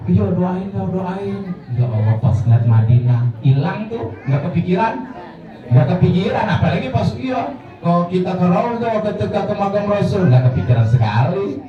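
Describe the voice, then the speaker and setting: A man preaches to a study circle in a chatty, joking way, slipping into little acted voices. His voice sits a bit high for a man. He is picked up from a distance in a very echoey, muffled hall. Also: moderate pace. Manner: lively, jokey, acts out voices of the dead and pilgrims. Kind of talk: informal religious talk.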